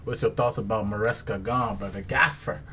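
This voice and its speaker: A man's voice: lowish voice, steady tone, moderate pace, a crowd in the background. A man hosting a casual football podcast, bantering in heavy urban slang. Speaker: podcast host. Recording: noisy background.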